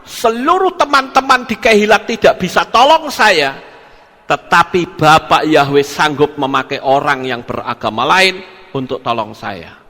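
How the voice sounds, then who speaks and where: A man's voice: on the high side, a little slow. A male pastor preaching a sermon to his congregation, talking animatedly and acting out conversations. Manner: animated preaching, acting out dialogue, repeated "saudara-saudara". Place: church hall. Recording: long reverb of a large hall.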